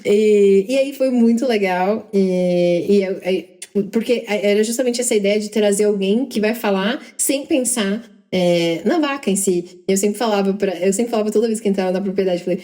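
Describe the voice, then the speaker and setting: A young Brazilian woman co-hosting a podcast, telling work stories in a lively, self-deprecating way with quick asides. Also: medium pitch. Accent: Brazilian Portuguese. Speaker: podcast co-host. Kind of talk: casual storytelling chat.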